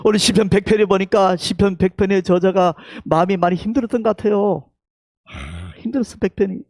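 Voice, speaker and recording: A male pastor with a Gyeongsang accent preaching a Sunday sermon in a church, with emphatic calls that drop to hushed whispers, leading the congregation to repeat his words. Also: sits high, lively intonation, a little fast, dry recording, studio quality. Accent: Gyeongsang Korean. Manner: leads the congregation in call-and-response. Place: church sanctuary.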